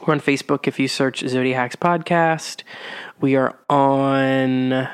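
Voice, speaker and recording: A man's voice: mid-range voice, fairly even intonation, takes it slowly, smooth. A man co-hosting a casual astrology podcast, chatty and rambling, with many fillers. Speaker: podcast co-host. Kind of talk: casual chat.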